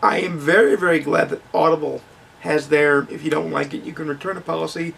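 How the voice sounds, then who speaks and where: A man's voice: on the high side, steady tone, a little fast, creaky, a bit bright, recorded from a distance, slight background noise. A man giving a frank, conversational book review with ums and restarts, his voice starting to crack.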